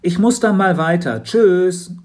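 A man's voice: high voice, a little slow, darkish tone, pitched above the performer's own voice. Man reading a nervous young boy, earnest and pleading, voice lifted.

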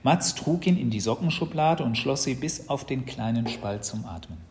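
A man narrates a children's audiobook with a lively, animated delivery. His voice sits in a middle register and rises and falls freely. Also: medium pitch, moderate pace. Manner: lively storytelling.

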